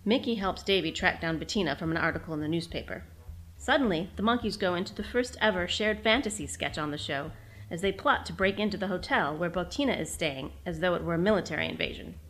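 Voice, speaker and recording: Woman host reading her recap aloud; fond tone, low-pitched. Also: animated, quick pace, a bit bright. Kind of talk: scripted reading.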